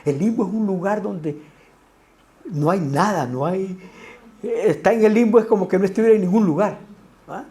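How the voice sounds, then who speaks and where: A pastor preaching a sermon, animated and full of rhetorical asides to the congregation. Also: male voice, high voice, normal speed, long pauses.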